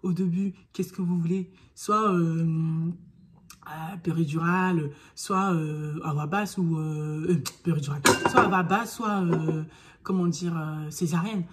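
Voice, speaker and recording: A young woman vlogger talking casually to camera, telling a personal story. She acts out her own pleas and sometimes drops to a hushed near-whisper. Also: on the low side, steady tone, unhurried, a little hiss or hum.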